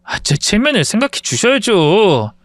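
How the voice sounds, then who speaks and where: Male narrator voices a sneering, whiny young bully, pitched up. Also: big pitch swings, moderate pace, a bit bright, no room sound. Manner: sneering, whining.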